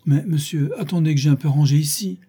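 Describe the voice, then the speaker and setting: A man's voice: a little high, fast, dark tone, husky, voice pushed up. A man voicing a devoted, anxious old valet who pleads with his master in a trembling voice. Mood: pleading.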